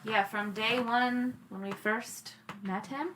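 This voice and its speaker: A woman's voice: a little high, steady tone, slow pace, fairly bright tone, a little hiss or hum, poor audio. A woman hosting an open mic, chatting in an upbeat, agreeable way with her guest. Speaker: host. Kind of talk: casual chat.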